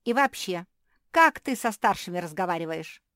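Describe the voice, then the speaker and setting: A woman's voice: mid-range voice, lively intonation, measured pace, darkish tone, no room sound, clean studio sound, voice pushed up, lightly acted. A woman voicing a bossy older pug sister who lectures and reproaches in a know-it-all way. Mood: lecturing.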